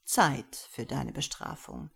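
A woman voicing a dominant, controlling man who gives cold, measured commands, with a husky voice and a slow delivery. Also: extremely low pitch, animated, fairly bright tone, pitched below the performer's own voice, full character voice. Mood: commanding.

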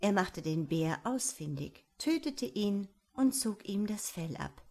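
A woman reading a fairy tale aloud in a calm storytelling manner. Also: medium pitch, measured pace.

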